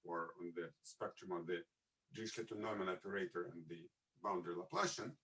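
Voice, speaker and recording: A man giving an academic lecture over a video call through a headset, his audio fading and dropping out, measured with frequent pauses. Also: low voice, fairly even intonation, fairly bright tone, rough recording. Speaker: invited speaker.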